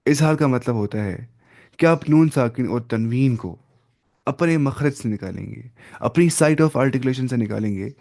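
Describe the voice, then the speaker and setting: A man teaching the rules of Quran recitation, talking casually to his students and often slipping English terms into his explanations. He stops now and then to model example words slowly and carefully. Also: medium pitch, creaky, darkish tone. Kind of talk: casual tajweed lesson.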